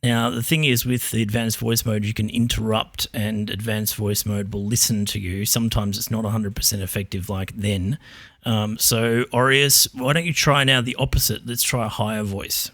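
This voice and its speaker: A man hosting a casual tech podcast, talking in a relaxed, probing way with frequent ums as he quizzes an AI. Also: fairly low pitch, moderate pace, no room sound. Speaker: podcast host.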